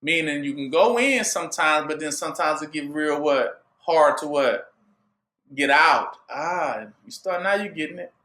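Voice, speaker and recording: A man with a high, ringing voice preaches a sermon in a call-and-response manner, posing questions for his listeners to complete. His bright tone carries through a reverberant room. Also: expressive, moderate pace.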